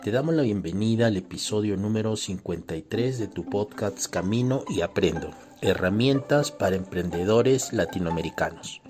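A male podcast host reading a formal, measured introduction. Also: fairly low pitch, expressive, a little mellow, faint music behind.

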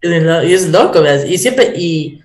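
A man's voice: a little high, expressive, moderate pace, a little hiss or hum. A man with an Ecuadorian accent, telling stories in a casual chat and laughing as he goes. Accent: Ecuadorian Spanish. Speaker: guest. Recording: roomy echo.

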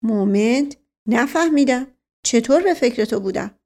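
A wry, easygoing older nobleman who teases in relaxed banter, read by a woman narrator. The voice stays fairly high for him. It comes across as a storybook figure. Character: easygoing older male prince, wry and teasing. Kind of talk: audiobook character reading.

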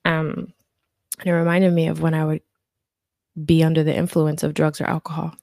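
A woman's voice: low-pitched, flat delivery, normal speed, gravelly, darkish tone, no echo, clean studio sound. A woman life coach telling her story in an earnest, conversational interview. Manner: earnest, faith-centered storytelling.

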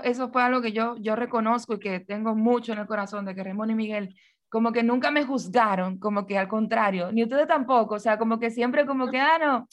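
A young woman with a Dominican accent, telling a story as a guest in a casual chat, animated and full of fillers. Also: a little high. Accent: Dominican Spanish. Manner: animated, many fillers and restarts.

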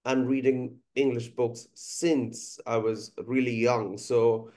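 This Indian musician and teacher, a native Bengali speaker, appears as a guest in a conversational podcast interview. His mid-range voice is warm and carries little pitch movement. He talks in a measured, thoughtful way, often pausing with "uh."

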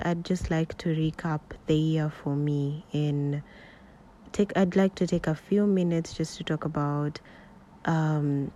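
A woman in her twenties with a Kenyan accent hosts a solo podcast, chatting candidly and unscripted in a rambling, conversational way. Her voice is low and mellow, recorded at home beside a road, so faint street noise and passing cars come through.

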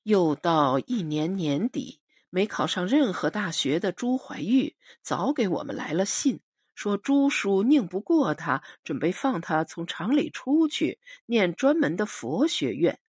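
Woman, audiobook narrator, low husky voice, expressive lively delivery, dry close sound. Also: no room sound. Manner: measured, expressive storytelling.

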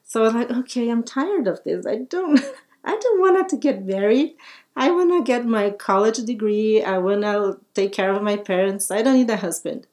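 A woman's voice: on the high side, animated, normal speed, a little mellow. A woman from Brazil, speaking as a podcast guest in friendly, simple phrasing with frequent laughs. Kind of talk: casual interview talk.

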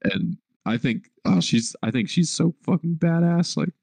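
A man's voice: a little high, animated, unhurried, creaky, darkish tone, husky, no echo. A young man co-hosting a podcast in casual chat, laid-back, swearing often and filling his talk with "like.". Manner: laid-back, swears a lot, heavy filler words. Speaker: podcast co-host.

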